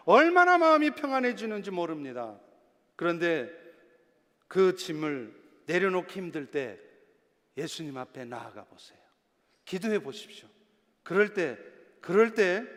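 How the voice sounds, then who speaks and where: A man preaching a sermon as a pastor in a church, swinging between loud, emphatic passages and hushed, soft ones. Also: high voice. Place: church sanctuary. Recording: long reverb of a church hall.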